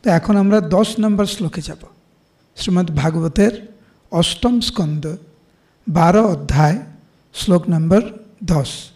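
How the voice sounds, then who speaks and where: A middle-aged man with a Bengali accent giving a devotional scripture class, explaining with everyday examples and slowing down to recite verses. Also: sits high, a little mellow. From India. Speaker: preacher.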